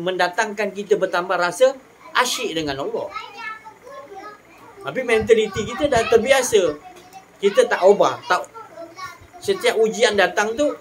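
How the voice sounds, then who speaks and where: A religious teacher preaches in a lively, expressive way, swinging up in pitch to stress a point and dropping low for quieter asides. The pitch sits in the middle range, with faint background hiss. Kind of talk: sermon.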